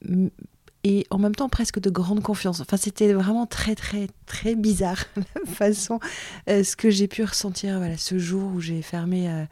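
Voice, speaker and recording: A woman's voice: medium pitch, fairly even intonation, normal speed, warm tone, dry recording. A woman in her forties hosting her own podcast, talking in a chatty, reflective way with many fillers and restarts. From France. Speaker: podcast host, training business owner. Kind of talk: casual solo podcast talk.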